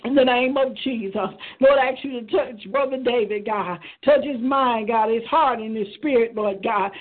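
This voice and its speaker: A woman's voice: on the high side, moderate pace. A woman leading a fervent spontaneous prayer in a rhythmic chant, punctuating every phrase with "Lord God". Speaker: prayer leader on a prayer line. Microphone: phone. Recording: tinny phone line.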